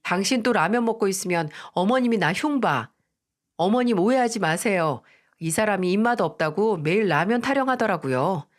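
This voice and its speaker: A woman's voice: medium pitch, lively intonation, moderate pace, close to an everyday voice. A woman voicing a defiant young wife who snaps dismissively at her mother-in-law in a read-aloud family drama story. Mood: irritated. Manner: snappish, dismissive.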